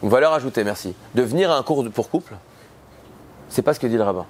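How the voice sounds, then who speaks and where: A man's voice: mid-range voice, lively intonation, quick pace, slight background noise. A man, a rabbi, giving an informal conference talk to an audience, telling stories and acting out the people he quotes. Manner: informal, storytelling, acts out voices in quotes.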